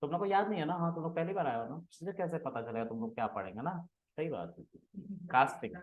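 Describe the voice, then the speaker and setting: Male classroom teacher, somewhat high voice, teasing and quizzing his class, dull lo-fi recording. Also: animated, fast talker. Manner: teasing, asks students questions and scolds them. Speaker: programming teacher.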